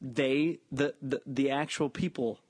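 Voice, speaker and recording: A man's voice: mid-range voice, steady tone, measured pace, dry recording. A man bantering and teasing his friend in a casual late-night chat about movies.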